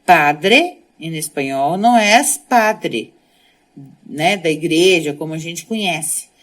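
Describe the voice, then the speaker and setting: A woman's voice: deep voice, animated. Portuguese-speaking lady teaching spanish, reads a line then explains it, takes her time, voice goes up and down a lot. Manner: explains slowly, repeating sentences and translating them. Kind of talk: online language lesson.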